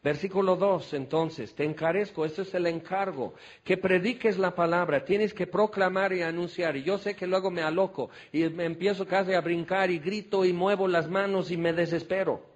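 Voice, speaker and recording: A Mexican man preaching a sermon, switching between quiet scripture reading and excited, folksy storytelling. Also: moderate pace, few pauses, lo-fi sound. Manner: animated, shifts from low quiet scripture reading to excited shouting; conversational, folksy storytelling with fillers like "este".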